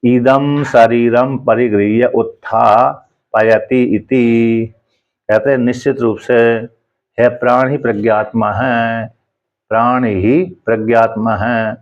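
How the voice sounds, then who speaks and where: A man teaches a commentary on a Sanskrit scripture, reading each phrase slowly before explaining it in plain, conversational speech. His voice is mid-range with fairly even intonation, and the recording sounds muffled.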